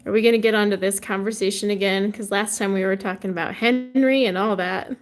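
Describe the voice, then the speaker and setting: A woman's voice: mid-range voice, fairly even intonation, brisk. A woman, chatting casually with viewers on a livestream and answering their comments. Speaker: livestream host coloring with viewers. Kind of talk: casual chat while coloring.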